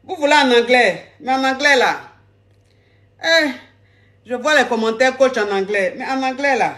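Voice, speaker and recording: A woman's voice: sits high, expressive, normal speed, a bit bright. A woman hosting a live call-in advice stream, playful and repeating her phrases.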